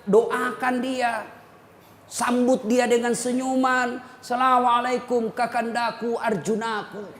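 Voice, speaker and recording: A man giving a humorous sermon, joking and acting out what husbands and wives say. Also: extremely high pitch. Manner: jokey, acts out quoted couples' talk. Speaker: preacher. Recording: echoey hall with background noise.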